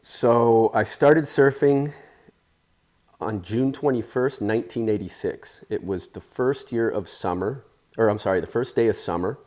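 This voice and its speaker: Easygoing low-voiced man in his forties. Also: unhurried, a little mellow. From Spain. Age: 40s. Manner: easygoing, rambling, with many fillers. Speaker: interview guest, surfer. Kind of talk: casual storytelling interview.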